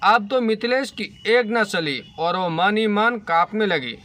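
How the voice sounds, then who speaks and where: Male storyteller, steady scripted narration, high and bright. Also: a little slow.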